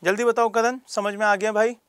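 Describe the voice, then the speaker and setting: A man teaches a geography class for exam prep, asking rhetorical questions and calling on students by name. His voice sits high and is fairly bright, clear and resonant, with a level tone and brisk pace. The recording is dry.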